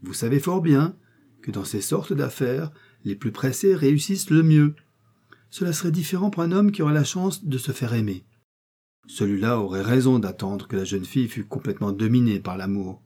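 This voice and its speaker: A man's voice: mid-range voice, animated, normal speed, dark tone, slightly rough. Man playing a scheming, scornful sister. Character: scheming, contemptuous young woman.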